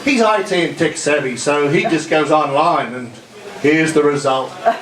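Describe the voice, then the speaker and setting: A man's voice: on the high side, normal speed, fairly bright tone. A man in his sixties from Australia, with an Australian accent, telling stories in a jovial wedding speech and chuckling between lines. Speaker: wedding guest speaker. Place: yacht club reception hall. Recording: echoey hall, distant mic, background noise.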